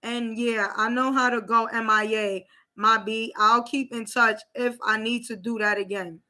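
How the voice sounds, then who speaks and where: A woman with a high, bright voice, venting to her live viewers. She talks casually and curses heavily, repeating herself for emphasis. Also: fairly even intonation, unhurried. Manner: profane, emphatic, repetitive. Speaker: livestream host.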